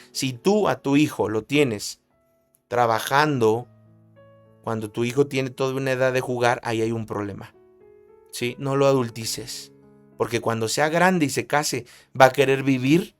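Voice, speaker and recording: A man preaching a sermon, emphatic, repeating key phrases for emphasis. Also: medium pitch. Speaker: pastor.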